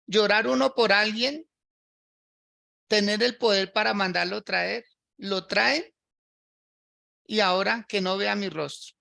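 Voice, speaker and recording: A man's voice: high voice, gravelly, pushed and bright, no echo, studio quality. A man preaching a sermon as a pastor on a livestream. He works through a scripture passage, repeats phrases, and keeps checking in with listeners by asking "right?" and "yes?".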